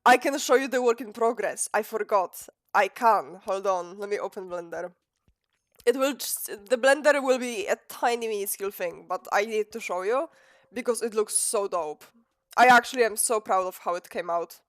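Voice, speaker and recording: Streaming as she animates, this young woman rambles through casual live-stream chat, teasing herself and giggling a lot. Her voice is medium in pitch and moderate in pace, slightly sniffly from a cold, captured in clean studio sound with no room echo.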